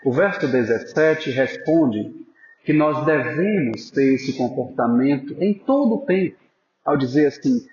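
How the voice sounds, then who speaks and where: A man preaching a sermon as pastor, earnest and pastoral, calling listeners brothers and sometimes dropping to a soft voice for emphasis. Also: fairly high pitch, reverberant, highs cut off, slight background noise. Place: church.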